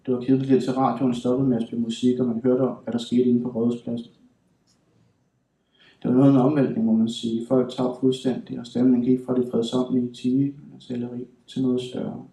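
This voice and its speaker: A man's voice: mid-range voice, creaky, dark tone, recorded from a distance. Man reading in a roomy hall. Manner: measured, deliberate delivery with slow emphatic stretches. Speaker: author reading his own work. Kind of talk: literary reading. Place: reading hall at a writing school.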